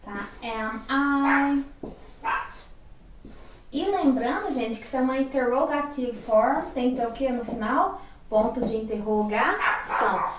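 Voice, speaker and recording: Woman, Brazilian accent, teacher, chatty lesson, high voice, roomy echo. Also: lively intonation, normal speed, far from the mic, background noise. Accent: Brazilian Portuguese. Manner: chatty, checks in with frequent tag questions. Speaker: English teacher. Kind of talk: casual classroom-style grammar lesson. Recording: echoey room, voice a little off-mic.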